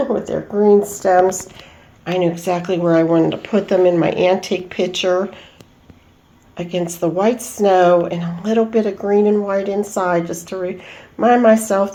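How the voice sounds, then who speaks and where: A woman's voice: lowish voice, mellow, roomy sound, poor audio. A middle-aged woman vlogger chatting at home in a folksy, homey way about entertaining. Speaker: lifestyle vlogger. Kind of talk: casual home chat.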